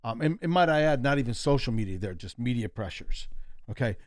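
A man's voice: mid-range voice, animated, fairly quick, no room sound, studio quality. A man co-hosting a casual podcast who rambles and keeps restarting his sentences. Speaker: podcast co-host.

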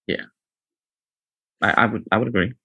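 A man's voice: on the low side, normal speed, pushed and bright, husky, no echo, muffled recording. A man co-hosting a podcast in casual chat, laid-back and stumbling over his words. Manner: laid-back, stammering restarts, says bro. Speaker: podcast co-host.

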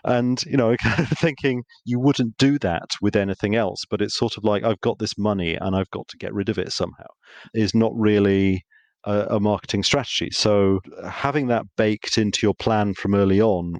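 A man, a podcast guest, explaining marketing in a relaxed way and acting out short dialogues as he tells anecdotes. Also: fairly low pitch, normal speed, dry recording. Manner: lively storyteller, acts out little dialogues. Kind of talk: conversational explaining.

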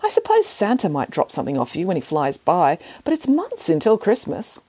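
A woman voicing a grand, greedy, self-assured female pig nanny in a storybook reading, brisk and matter-of-fact. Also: on the low side, huge pitch swings, dark tone, slightly rough, exaggerated voice.

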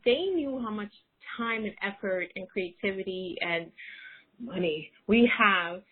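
A woman's voice: mid-range voice, a little slow, slightly rough. A woman chatting playfully in a voicemail over a landline phone, often trailing off mid-sentence. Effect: heard over a landline phone as a voicemail. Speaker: caller leaving a voicemail. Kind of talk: casual chat. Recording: narrow phone-line voicemail.

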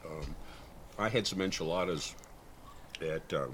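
A man, a guest expert on chili peppers from New Mexico, explaining in casual chat with many ums and pauses while his eyes water from the heat. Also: sits low, a bit bright, slight background noise. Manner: halting, many ums and uhs.

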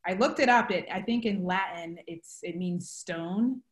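A woman's voice: on the low side, measured pace, echoey room. A woman born in Uganda who grew up in Zimbabwe and the US, a photographer telling her story as a podcast guest with easy laughter. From Uganda and Zimbabwe, then US South. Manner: warm storytelling, laughs easily. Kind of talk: casual interview chat.

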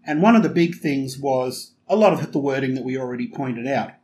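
A man co-hosting a podcast who is opinionated and emphatic in casual chat, often telling stories with quick asides. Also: medium pitch, a little mellow, a little hiss or hum. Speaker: podcast co-host.

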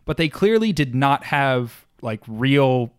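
A man's voice: mid-range voice, slow, clean tone, no room sound, clean studio sound. Sarcastic man in casual movie chat. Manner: animated, sarcastic, acts out quotes in silly voices.

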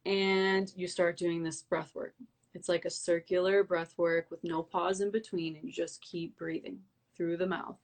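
A young woman with a slightly low voice talks through her story as a guest in a relaxed interview. She fills her sentences with "like" and acts out her own past thoughts in an animated way. She speaks as a breathwork coach. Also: measured pace. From Albanian heritage. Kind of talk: casual interview conversation.

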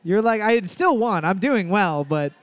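A clear, resonant, high-pitched man hosts a live trivia night, recorded without room sound. He reads questions with animation, slowly spelling out answer choices letter by letter, and jokes between rounds.

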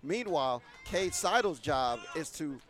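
Male play-by-play wrestling commentator with a high voice; excitable, loud on big moves. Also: unhurried, faint music behind.

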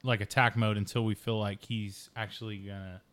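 A man's voice: on the low side, level tone, brisk, fairly bright tone. A man playing a tabletop game, speaking tentatively and often restarting. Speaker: player. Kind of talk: casual in-character play.

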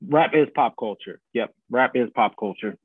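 A man's voice: medium pitch, normal speed, husky, dry recording. Laid-back man on a tinny line. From Guyana. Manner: laid-back, agreeable, lots of slang. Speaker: podcast co-host. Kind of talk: casual chat. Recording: dry, phone-like lo-fi sound.

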